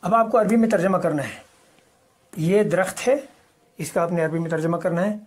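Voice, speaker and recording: A man from Kashmir teaching an Arabic lesson, reading example sentences slowly and explaining between them at a quicker pace. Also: high voice. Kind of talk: recorded language lesson.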